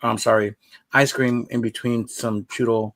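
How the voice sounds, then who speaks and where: A man's voice: medium pitch, flat delivery, unhurried, fairly bright tone, dry recording, rough recording. A man hosting a live stream, chatting in an easygoing, rambling way. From United States. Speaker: livestream host. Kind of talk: casual live-stream chat.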